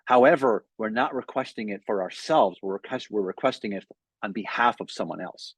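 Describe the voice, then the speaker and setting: Husky-voiced rabbi, casual sermon delivery. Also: male voice, on the low side, fairly quick, dry recording. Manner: conversational, thinking aloud with frequent fillers and restarts. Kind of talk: weekly sermon message. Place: in front of a Hebrew sign, dry room.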